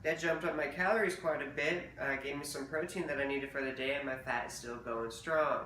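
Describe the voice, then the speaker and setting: A man's voice: medium pitch, a little fast, bright, forceful tone, distant mic, slight background noise. A man rambling casually through a diet update vlog, with lots of fillers and restarts. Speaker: vlogger. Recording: roomy, off-mic with faint ambience.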